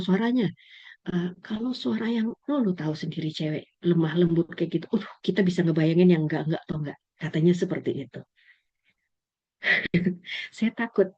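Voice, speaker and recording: A middle-aged Indonesian woman, a lecturer, giving a personal talk to a women's study circle, telling lively stories full of fillers. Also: medium pitch, no room sound, lo-fi sound. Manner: lively storytelling with frequent fillers and laughter.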